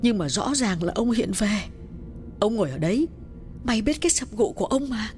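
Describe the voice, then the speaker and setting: A woman voicing a frightened older village woman in an audiobook, speaking in a trembling, hushed and urgent way. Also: a little high, animated, fairly quick, faint music behind, lightly acted. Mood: insistent. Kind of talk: audiobook dialogue reading.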